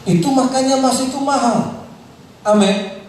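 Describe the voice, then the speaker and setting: A male pastor preaching a sermon to a congregation, calling out questions and swinging between loud high passages and quiet low asides. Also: moderate pace, slight background noise. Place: church hall. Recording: echoey hall, mic at a distance.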